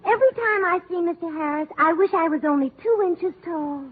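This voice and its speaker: Very high-pitched, lovestruck radio maid. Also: female voice, brisk. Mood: gushing, dreamy. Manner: squeaky, gushing, naive. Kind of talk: 1940s radio comedy acting. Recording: thin, narrow-band 1940s radio.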